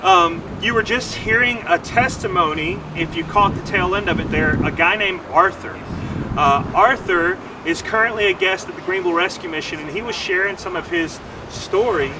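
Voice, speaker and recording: A man's voice: high voice, moderate pace. A man speaking as a charity's development officer on a livestream, rambling and stumbling over his words. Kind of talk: livestream fundraising chat. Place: outdoors by a street. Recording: distant mic with traffic noise.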